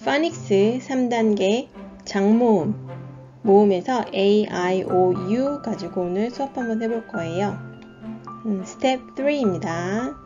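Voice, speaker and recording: A woman with a Korean accent teaching an English phonics lesson, speaking slowly and patiently and repeating each sound twice. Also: mid-range voice, muffled recording, over music.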